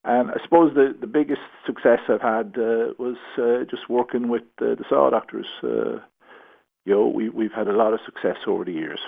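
A man's voice: medium pitch, fairly even intonation, moderate pace, creaky. Older galway guy w west of ireland accent on a tinny phone call, chatting away, stumbles over words a bit. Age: 60s. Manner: hesitant, repeats words as talk unfolds. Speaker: concert promoter being interviewed. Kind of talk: casual radio phone interview. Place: on a phone call to a radio show. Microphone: telephone. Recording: thin, narrow-band phone line.

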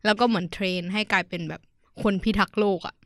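A woman's voice: medium pitch, fast, no echo, studio quality. A young woman co-hosting a casual podcast chat, telling stories with crude slang and acting out voices. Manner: lively storyteller, acts out quoted voices, crude slang. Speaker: podcast co-host. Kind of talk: casual chat among friends.

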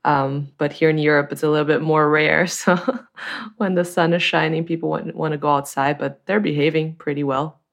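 Casting: Brazilian sound designer guest, woman, deep voice, relaxed and friendly. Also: a little fast, gravelly. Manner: friendly, easygoing, laughs lightly. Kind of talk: casual interview talk.

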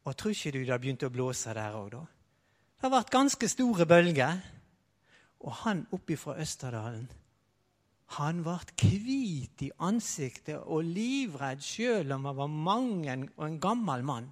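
High, lively man preaching to children. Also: big-room sound. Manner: animated, leads the audience in sound effects; tells the story in first person as a disciple. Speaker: preacher telling a Bible story to children. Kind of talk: lively storytelling sermon for children.

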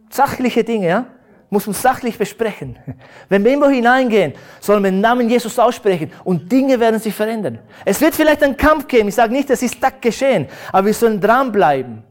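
A man preaching a sermon and telling a personal story in an earnest, halting way, full of restarts. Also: high-pitched. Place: church hall.

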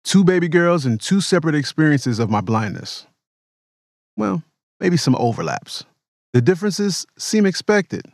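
A man hosting his own podcast, narrating his reflections in a calm, measured way and interviewing family. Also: fairly high pitch, dry recording, clean studio sound. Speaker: podcast host.

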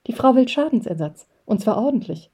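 A woman's voice: fairly high pitch, animated, a little fast, mellow, slightly rough, voice pushed up. A woman reading aloud, voicing an indignant middle-aged housewife who pleads sharply and in agitation with her husband. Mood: agitated.

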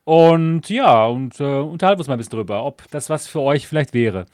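A man's voice: medium pitch, animated, fairly quick, darkish tone, no echo, studio quality. A man hosting a podcast, introducing the topics and guest in upbeat casual chat with fillers. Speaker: podcast host.

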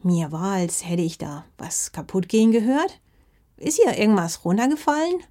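A woman voicing a kindly, fussing old grandmother in a children's audio story, loud and concerned. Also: mid-range voice, animated, moderate pace, natural voice.

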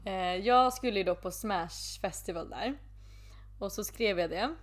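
Young woman, podcast co-host, giggly storyteller, acts out quotes, mid pitch. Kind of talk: casual chat.

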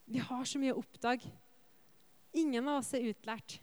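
A woman preaches with a smooth, clear voice set a little high. She is earnest, tells lively personal stories, and puts rhetorical questions to her congregation. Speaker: preacher and worship leader. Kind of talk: sermon.

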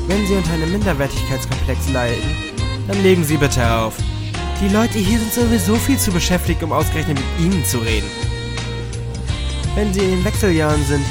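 A polite, formal announcer reads a scripted joke answering machine message for a hotline. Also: medium pitch. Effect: recorded answering machine greeting. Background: music.

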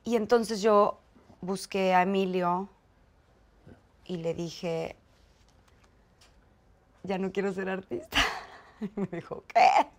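A woman with a Mexican accent, a guest in an interview, telling a story with lively acted-out dialogue. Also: mid-range voice, slow pace, long pauses, a little hiss or hum. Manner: animated, acts out quoted dialogue.

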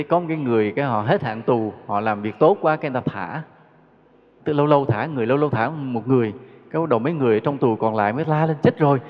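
A man giving a conversational Buddhist dharma talk, asking rhetorical questions and chuckling now and then. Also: medium pitch. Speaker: Buddhist teacher. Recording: dull lo-fi recording with long hall reverb.

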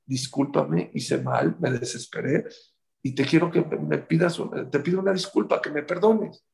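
A man's voice: a little high, normal speed, gravelly, darkish tone. A man voicing a wealthy, honorable man who earnestly asks for forgiveness. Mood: pleading. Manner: earnest, pleading. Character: wealthy honorable man making a humble apology.

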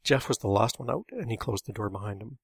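A man's voice: lowish voice, expressive, fast talker, vocal fry, slightly rough, no room sound. A man reading a memoir in a dry, matter-of-fact scripted narration.

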